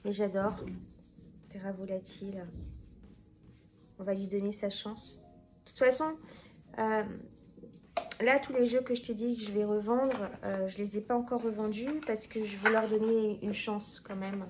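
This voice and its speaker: A woman's voice: medium pitch, steady tone, a little slow, long pauses, noisy background. A woman chatting casually to her viewers, rambling with fillers and self-corrections. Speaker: tarot video creator. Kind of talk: casual talk to camera.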